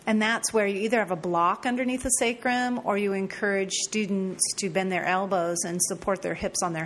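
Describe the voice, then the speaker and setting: A woman yoga teacher giving a recorded lesson, repeating and spelling out terms slowly with casual asides. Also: medium pitch, a little hiss or hum.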